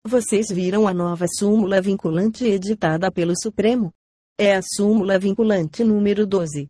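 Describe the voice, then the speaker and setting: A woman's voice: medium pitch, normal speed, mellow, dry recording, studio quality. A woman with a Brazilian accent explains a court ruling to viewers in formal legal wording with a chummy tone. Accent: Brazilian Portuguese.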